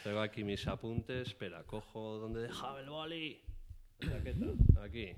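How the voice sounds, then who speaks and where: A man's voice: mid-range voice, moderate pace, heavy background noise. A man hosting a podcast, chatting casually and rambling with many restarts and fillers. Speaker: podcast host.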